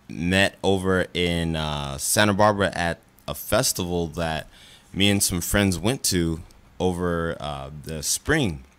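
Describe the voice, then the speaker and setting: A man's voice: sits low, a bit bright, clear, resonant tone. A young man hosting a casual radio talk show from a studio, rambling with lots of fillers. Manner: rambling, friendly, many fillers.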